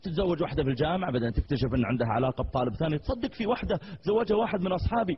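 Man doing an eager young man, high-voiced, fast and pleading, long-winded; dull lo-fi sound. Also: animated, a crowd in the background, lightly acted. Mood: earnest rambling. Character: eager rambling young man begging a preacher.

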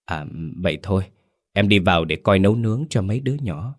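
A man voicing a polite, gentle young wife speaking to her husband. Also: fairly low pitch, lively intonation, a little fast.

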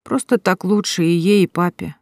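A woman's voice: fairly low pitch, normal speed, dry recording, clean studio sound, natural voice. A woman voicing a curious little boy in an audiobook, asking earnest, eager questions.

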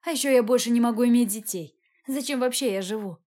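A woman's voice: fairly high pitch, fast talker, warm tone, lightly acted. A woman voicing a despairing, injured young woman in a read-aloud story, anguished and emotional. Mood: bitter despair.

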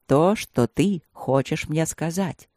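A reader voicing a wise old grandfather tiger who speaks in an unhurried sing-song. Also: mid-range voice, a little mellow, dry recording, clean studio sound. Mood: calm.

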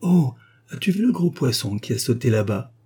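A man reading aloud and voicing a capricious, quarrelsome young Parisian woman with sulky, shrill outbursts. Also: very animated, moderate pace, mellow, husky. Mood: excited.

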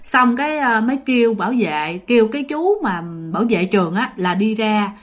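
A woman's voice: fairly high pitch, very animated, moderate pace. A woman telling a ghost story in a chatty way, speaking straight to her listeners. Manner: chatty, addresses listeners directly. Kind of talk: casual ghost story narration.

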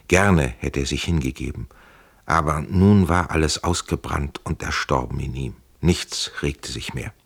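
A man narrating a historical audiobook in a measured, calm way. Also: extremely low pitch.

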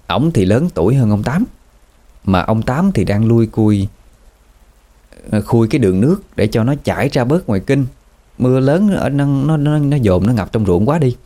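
A man with a Southern Vietnamese accent narrating a ghost story in a relaxed, folksy way with fillers. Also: medium pitch, normal speed.

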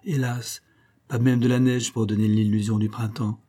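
A man's voice: mid-range voice, level tone, moderate pace, warm tone, close to an everyday voice. A man voicing a plaintive young princess. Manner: mannered, plaintive recitation. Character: young princess, delicate, coquettish and mournful.

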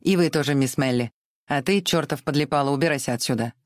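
A reader voicing a gruff, grizzled old man in an audiobook, curt and commanding, with a grating edge. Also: mid-range voice, quick pace, dry recording, clean studio sound, natural voice. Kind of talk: audiobook reading.

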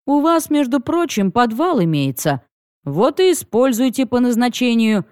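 Casting: woman reading a sly older dragon uncle, drawling and mocking, lively swoops of pitch, dry studio sound. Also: moderate pace, clean tone, dry recording. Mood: wry. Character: wry, teasing older male dragon uncle. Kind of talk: audiobook reading.

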